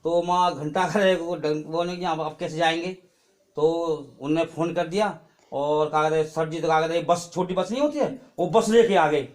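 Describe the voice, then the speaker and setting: A man's voice: a little high, normal speed. A middle-aged man giving a spoken testimony at a church gathering. He tells his story in a chatty way and keeps adding tag questions. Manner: chatty storytelling with frequent "hai na" tags. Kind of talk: spoken testimony at a prayer meeting.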